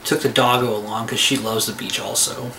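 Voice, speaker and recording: A man in his forties giving a relaxed, offhand voice-over recap of a trip from a small room at home. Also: fairly low pitch, fairly quick, heavy background noise. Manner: relaxed, offhand, trailing fillers. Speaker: vlogger.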